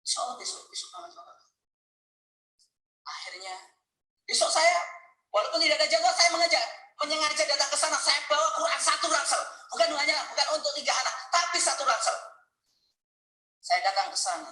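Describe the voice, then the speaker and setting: A man preaching a sermon, telling a story with deep emotion and speaking straight to his listeners. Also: very animated, brisk, pushed and bright, roomy sound, low-quality recording. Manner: emotional, earnest storytelling, addresses listeners directly. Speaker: Islamic preacher. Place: mosque hall.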